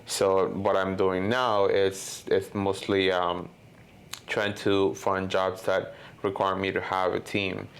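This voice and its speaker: A Honduran filmmaker in his thirties is the guest in a casual interview, rambling with plenty of "you know" and "like." His voice is low, slow and monotone, with a clean tone.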